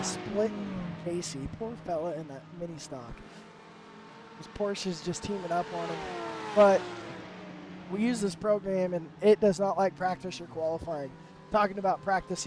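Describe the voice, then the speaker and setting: A man's voice: high voice, noisy background. A man commentating a live sim race, upbeat and rambling with fillers, his voice worn from the flu. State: sick with flu.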